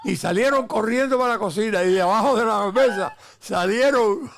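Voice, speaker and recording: Older grandfather host, gravelly and a bit high, tells lively stories that keep restarting. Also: normal speed. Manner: animated storytelling with many restarts. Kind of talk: casual family chat.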